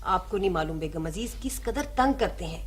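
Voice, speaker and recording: An actress playing an exasperated housewife in a TV drama, sharp and impatient. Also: female voice, lowish voice, expressive, a little fast, slightly rough. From Pakistan. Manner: impatient, sharp with the old man. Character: exasperated middle-aged housewife. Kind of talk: broadcast TV drama.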